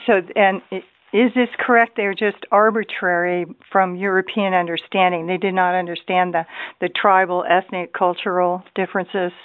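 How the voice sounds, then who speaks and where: A woman's voice: fairly low pitch, flat delivery, normal speed, no echo. A woman hosting a radio interview, asking curious follow-up questions. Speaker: radio show host. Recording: dry, phone-like narrow band.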